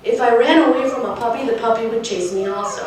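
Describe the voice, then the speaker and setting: A woman urban wildlife specialist giving a lively, emphatic outdoor talk, often checking in with her listeners. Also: a little high, quick pace. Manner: lively, emphatic, keeps asking the crowd "right?". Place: outdoors at a nature center. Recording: echoey, distant, faint noise.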